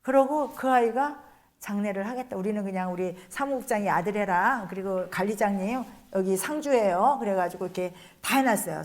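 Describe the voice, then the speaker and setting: Nun lecturing, chatty storyteller voice, slips into the voices of people she quotes. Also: on the low side. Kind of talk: spiritual lecture told as a personal story.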